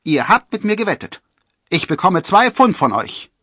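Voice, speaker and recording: A man's voice: fairly low pitch, expressive, unhurried, a bit bright, slightly rough, no echo, clean studio sound, heavily acted. A man voicing a proud, bold young male archer.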